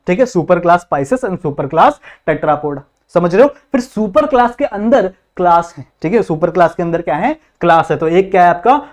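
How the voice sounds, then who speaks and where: A man's voice: high-pitched, darkish tone. A young man teaching a biology class, asking rhetorical questions and checking in constantly. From India. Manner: repetitive, quizzing students with constant check-ins. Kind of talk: classroom lecture in Hindi-English mix.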